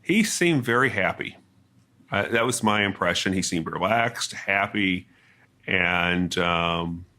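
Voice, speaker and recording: A man reporting from a courtroom trial, answering questions in a hesitant, halting way with many restarts. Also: lowish voice, sharp tone. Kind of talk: interview answers.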